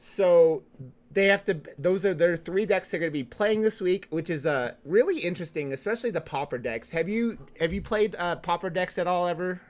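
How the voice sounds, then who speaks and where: A man's voice: high voice, expressive, normal speed. A man hosting as an esports caster, introducing a match in a chatty, informal, explanatory way.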